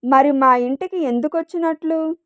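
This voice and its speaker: A woman's voice: high voice, moderate pace, a bit bright, dry recording, studio quality. A woman voicing a sarcastic defiant young man. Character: proud angry young man of the house.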